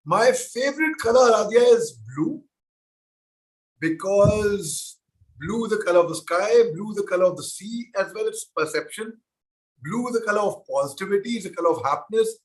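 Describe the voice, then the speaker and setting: A man's voice: high-pitched, expressive, moderate pace. A man answers children's questions over a video call. His manner is playful and teasing, and he speaks directly to each child by name.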